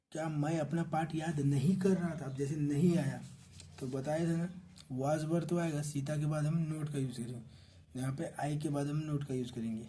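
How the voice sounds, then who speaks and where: Indian male teacher, unhurried and mellow, spells words out, faint hiss behind. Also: mid-range voice. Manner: spells words letter by letter, checks in with "ठीक ना". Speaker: English teacher. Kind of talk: slow classroom explanation.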